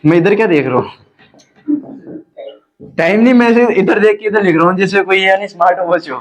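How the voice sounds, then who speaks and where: Teasing male maths tutor, high voice. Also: fairly quick. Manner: teasing and chatty with students. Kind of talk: classroom teaching. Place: classroom. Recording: dull lo-fi classroom audio.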